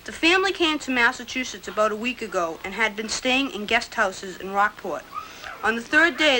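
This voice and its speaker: A nineteen-year-old woman reciting her own poem and reading records aloud in a plain, earnest way, with some halting restarts, heard from a worn VHS tape copy. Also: a little high, sharp tone, poor audio. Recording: hissy worn videotape copy.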